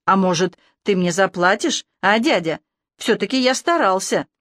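A woman's voice: mid-range voice, expressive, normal speed, fairly bright tone, no room sound, studio quality, lightly acted. A woman voicing a whiny, childish young man who whimpers and pleads in an audiobook. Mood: pleading. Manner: whining, tearful, pleading.

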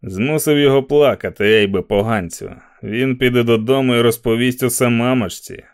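A man's voice: mid-range voice, normal speed, clear, resonant tone, natural voice. A man reading an audiobook voices a sneering, mocking young male walker.

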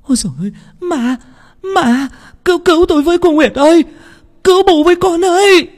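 A man voicing a poor village mother, speaking in a raised voice that turns to shrill screams. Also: sing-song, moderate pace, warm tone, husky, full character voice. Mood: terrified. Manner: raised pitch, shrill when terrified.

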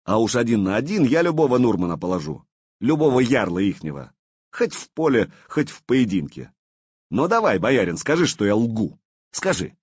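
A man's voice: mid-range voice, sing-song, moderate pace, breathy edge, dry recording, highs cut off, pitched above the performer's own voice. A man voicing a boastful, hot-headed young warrior in an audiobook. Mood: defiant.

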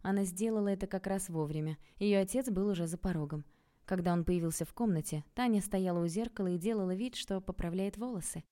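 A woman reading an audiobook aloud in a calm, even storytelling manner. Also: medium pitch, fast. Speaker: audiobook narrator. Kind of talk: scripted narration.

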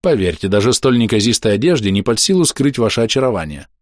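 A man voicing a cocky young swordsman who speaks with dry irony and gallant flattery in an audiobook. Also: fairly low pitch, fast talker, no room sound. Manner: ironic, gallant. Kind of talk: audiobook character voice.

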